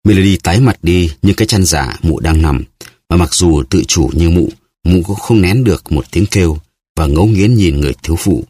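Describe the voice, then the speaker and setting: A man narrating an audiobook in a steady storytelling manner, with a husky voice. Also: deep voice, normal speed, no echo, clean studio sound. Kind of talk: scripted narration.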